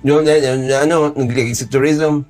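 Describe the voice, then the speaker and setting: A man's voice: steady tone, normal speed, a little mellow, soft background music. Exasperated male political commentator. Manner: exasperated, mocking, with big jumps in pitch.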